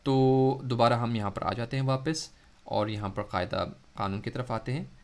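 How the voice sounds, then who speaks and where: A man with an Urdu accent, a Quran recitation teacher giving a lesson, who explains slowly and then draws out the sounds he demonstrates. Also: medium pitch, a little mellow. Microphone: close mic.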